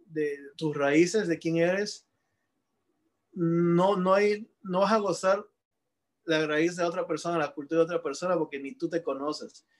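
Man, fairly high voice, reflective casual talk, halting, restarts phrases.

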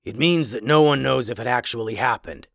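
A man voicing a towering, bookish male werewolf librarian who lectures in a measured way. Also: mid-range voice, creaky, a bit bright, dry recording, studio quality. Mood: lecturing.

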